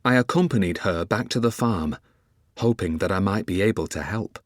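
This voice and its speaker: A man narrating a dark fantasy audiobook in the first person, telling it expressively. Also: low voice, normal speed, dry recording, studio quality.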